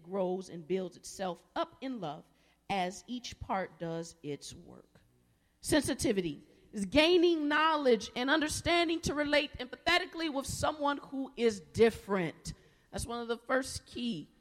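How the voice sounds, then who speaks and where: A woman preaching a sermon, leading the congregation in call-and-response and acting out the people in her stories. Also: a little high. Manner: animated storytelling, acts out quoted voices. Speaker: guest preacher. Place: large worship hall. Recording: echoey hall.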